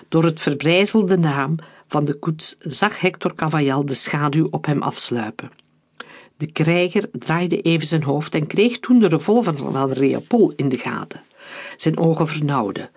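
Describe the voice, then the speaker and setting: A man narrating an adventure novel as an audiobook in a calm, steady reading. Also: a little high, slightly rough. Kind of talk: scripted narration.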